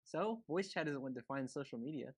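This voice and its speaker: A man's voice: mid-range voice, expressive, a little fast, breathy edge, no room sound. A man in his twenties co-hosting a casual podcast, sarcastic and teasing. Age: 20s. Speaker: podcast co-host. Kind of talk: casual chat.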